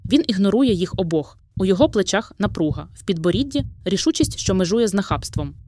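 A woman's voice: medium pitch, animated, fast talker, darkish tone, slight background noise. A woman reading a second-person dramatic story aloud in an intimate, dramatic storytelling manner. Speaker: narrator. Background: background music.

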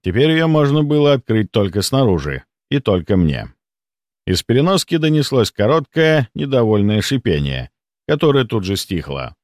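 A man reading an audiobook as narrator in an even, measured way. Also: medium pitch, no room sound, studio quality. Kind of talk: scripted narration.

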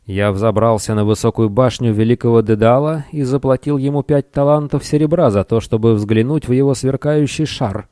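A greedy scheming merchant speaks with a hoarse rasp and a slight lisp, voiced by a man. He wheedles and hisses, his tone darker and more mellow than bright. The audiobook voice sits close and dry. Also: lowish voice, expressive, moderate pace, dry recording, close to an everyday voice. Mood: aggrieved. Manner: wheedling, menacing hiss.

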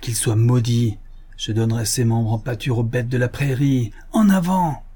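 A man voicing a brave frontier hunter who gives loud commands to his men in a read adventure story. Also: mid-range voice, animated, moderate pace, breathy edge, voice pushed up. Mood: furious.

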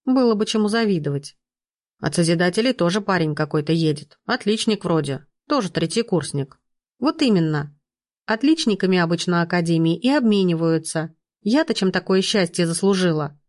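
Woman, audiobook narrator, lowish voice, lively character reading, dry recording. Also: moderate pace, no echo. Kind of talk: first-person fantasy audiobook narration.

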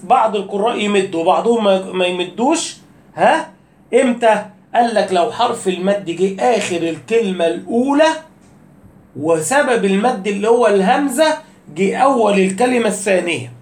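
Casting: Egyptian Arabic-accented male recitation teacher, high voice, echoey room, chatty rhetorical questions. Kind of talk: casual spoken lesson.

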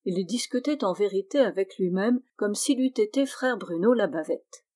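Steady woman reading a classic novel. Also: medium pitch. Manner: steady, measured narration. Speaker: audiobook reader.

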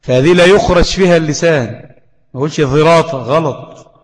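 Speaking fairly quickly in a fairly high voice, a man with an Egyptian Arabic accent teaches tajweed, walking through the letters and posing rhetorical questions to test comprehension. The audio is poor and sounds like a big room.

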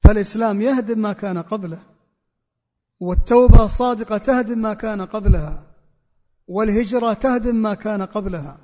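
A man's voice: sits high, fairly quick, mellow, long reverb tail. A man preacher giving a religious sermon, repeating key phrases for emphasis. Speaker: Islamic preacher.

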